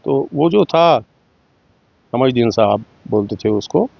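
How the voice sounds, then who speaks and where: A man's voice: medium pitch, lively intonation, slow, vocal fry, no room sound. Earnest middle-aged man telling stories. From Jammu and Kashmir. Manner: earnest, retelling dialogue with small voice shifts. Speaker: interviewee. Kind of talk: personal storytelling in an interview. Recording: muffled, dull dry recording.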